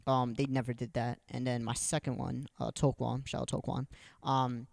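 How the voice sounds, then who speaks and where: A young man in casual podcast chat, rambling and quick to agree with the others. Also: mid-range voice, flat delivery, gravelly, no echo, clean studio sound, long reverb tail.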